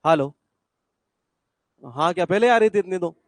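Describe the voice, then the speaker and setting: A man with a fairly high voice teaches a live English class from a campus classroom, chatting casually with students in the room and viewers online. His sound is dry and close, with little room echo. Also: expressive, moderate pace. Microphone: classroom mic and speaker, streamed online.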